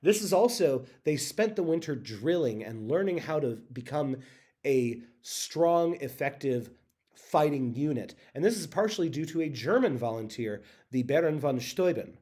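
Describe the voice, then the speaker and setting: A man teaching a history lesson in a casual, halting way, with many fillers and self-corrections. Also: on the high side, lively intonation, dark tone. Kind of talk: recorded classroom lecture.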